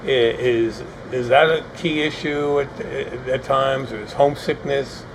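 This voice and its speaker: Male panel host, gravelly, meandering questions, noisy recording. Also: mid-range voice, fairly even intonation, measured pace. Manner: hesitant, rambling questions. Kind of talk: hosting a panel discussion.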